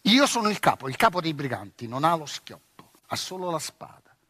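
A man's voice: a little high, very animated, fairly quick, sharp tone, no room sound, full character voice. A man reading aloud voices a proud, touchy young noble boy who boasts indignantly. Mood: boastful.

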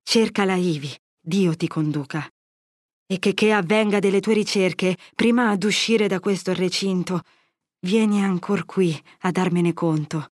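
A woman's voice: on the low side, a little slow, dry recording, studio quality. A woman reading an audiobook, voicing a grave elderly male friar whose solemn words turn to severe rebuke. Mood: grave, gentle. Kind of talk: audiobook character voice.

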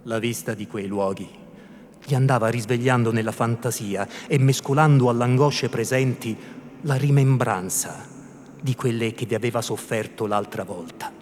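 A man giving a theatrical reading of a classic novel, narrating in a measured storytelling manner. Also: mid-range voice, a little mellow. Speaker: reader. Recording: reverberant hall, faint room noise.

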